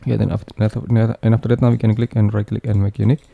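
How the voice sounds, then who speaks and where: A man narrating an unscripted step-by-step software tutorial, speaking in halting, repetitive phrases with frequent hesitations. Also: on the low side, level tone, vocal fry, narrow, tinny audio.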